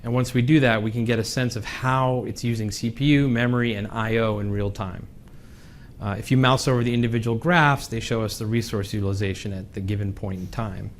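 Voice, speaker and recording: A man presenting a technical session at a conference, relaxed and joking, with some fillers. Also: on the low side, a little fast, a little hiss or hum. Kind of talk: conference tech talk. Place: conference room.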